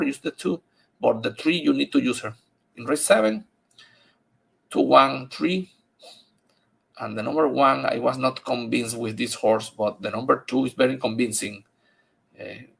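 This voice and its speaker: Male handicapper, native Spanish speaker with Spanish accent. Heavy fry and husky tone, halting but emphatic delivery of race picks. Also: mid-range voice. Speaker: horse racing handicapper. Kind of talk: unscripted race-by-race picks commentary.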